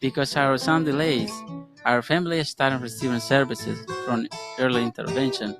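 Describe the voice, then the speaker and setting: A man from El Salvador narrates his story as a father in an earnest, measured way. Clear plucked guitar plays behind his voice in this played-back video. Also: mid-range voice, steady tone. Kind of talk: scripted personal narration. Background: guitar music.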